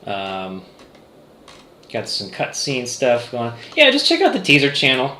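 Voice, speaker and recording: A man's voice: medium pitch, wildly swooping pitch, a little slow, pushed and bright, echoey room. A man developing a game, chatting casually on a livestream and rambling with lots of fillers and restarts. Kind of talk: casual livestream chat reading chat.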